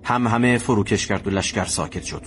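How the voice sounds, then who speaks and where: A man narrating a historical story in a measured, conversational storytelling manner. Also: lowish voice, fairly bright tone.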